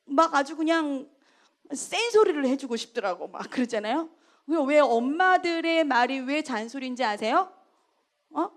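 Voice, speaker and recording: Woman preacher, high voice, animated storyteller who breaks into loud scolding. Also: moderate pace. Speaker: evangelist preaching. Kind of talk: storytelling sermon.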